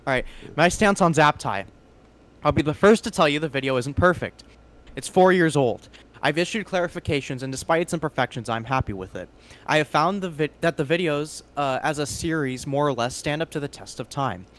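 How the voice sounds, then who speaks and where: A man hosting a stream, reading a long statement aloud and breaking off into crude, excitable remarks. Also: a little high, a little fast. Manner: crude, excitable, cuts in with loud outbursts. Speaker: stream host.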